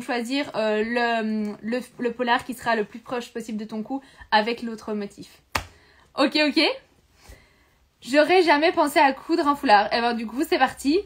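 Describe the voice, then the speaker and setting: A high-voiced woman leads a live sewing tutorial from her home sewing room. She talks to her viewers in a chatty, hesitant way. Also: normal speed, a bit bright, slight background noise. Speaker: sewing instructor hosting a live stream.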